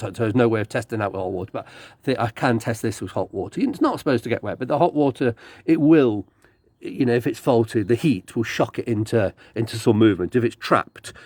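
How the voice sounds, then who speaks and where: A man filming his own car repair on a cold morning, halting and stuttery from shivering, thinking aloud with many restarts. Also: fairly low pitch, a little mellow, no echo. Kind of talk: rambling hands-on car repair vlog.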